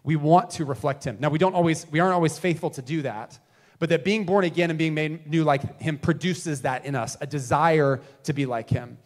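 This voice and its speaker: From a church stage, a pastor in his thirties preaches earnestly into a handheld microphone, his voice a little high. He climbs toward emphasis, falls to hushed tones, and leans on words with slow stresses.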